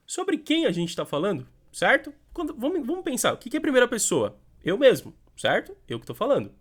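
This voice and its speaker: A man with a Brazilian Portuguese accent giving an animated online grammar lesson as an English teacher, drilling sentences slowly between quick explanations. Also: sits high.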